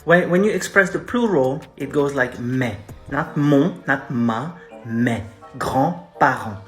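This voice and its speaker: A man teaching pronunciation, repeating each word slowly with chatty asides. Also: mid-range voice, faint music behind. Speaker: French teacher. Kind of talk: pronunciation lesson.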